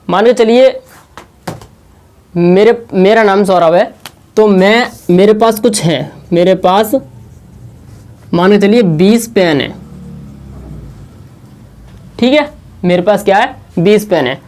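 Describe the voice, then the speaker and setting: Standing at a board, a man with a high, darkish voice teaches a maths lesson, explaining slowly and repetitively. He poses questions and then answers them himself.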